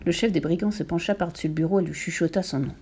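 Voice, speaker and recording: A woman reading a children's story aloud in a calm, measured way. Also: fairly low pitch, slightly rough.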